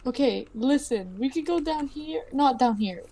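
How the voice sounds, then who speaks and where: Excitable giggly young woman gamer. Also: sits high, normal speed, a little hiss or hum. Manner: excitable, giggly, pleading and panicky. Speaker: co-player. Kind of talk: casual gaming chat.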